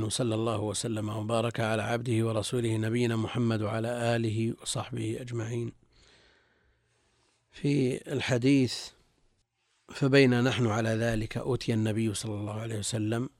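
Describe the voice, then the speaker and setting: A man's voice: lowish voice, little pitch movement, moderate pace, long pauses, darkish tone, dry recording, studio quality. A male religious scholar reading and explaining texts in formal classical Arabic, repeating phrases as he goes. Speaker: religious scholar, guest teacher.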